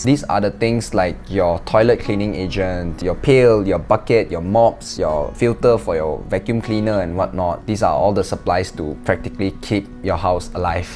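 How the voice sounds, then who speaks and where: A young man with a low, deep voice explains things to camera in a relaxed, conversational way. He works through a list point by point, with the odd restart, and a faint bed of music plays under him. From Malaysia. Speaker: vlogger. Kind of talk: casual explanatory vlog.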